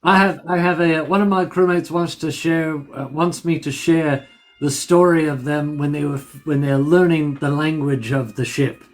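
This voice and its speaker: A man with a notably high voice plays a pirate captain. He tells an animated story over a voice call, acting out shouted orders. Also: normal speed, soft background music. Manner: animated storyteller who acts out shouted lines. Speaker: pirate captain persona, event host. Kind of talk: in-character storytelling on a group call.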